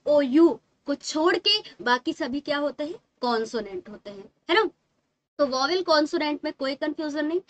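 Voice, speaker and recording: A woman's voice: extremely high pitch, sharp tone. A woman teacher giving a patient English grammar lesson to children, often checking with short tag questions and drawing out key words.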